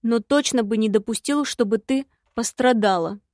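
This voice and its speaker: A woman's voice: on the high side, normal speed, a little mellow, no echo, studio quality, natural voice. Woman doing a grumbling eared imp. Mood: glum.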